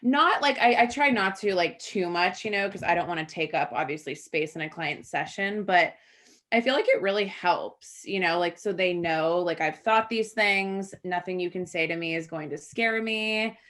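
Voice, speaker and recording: A woman's voice: on the low side, normal speed, a bit bright. A woman therapist talking as a podcast guest in a casual, chatty way, filling her speech with "like".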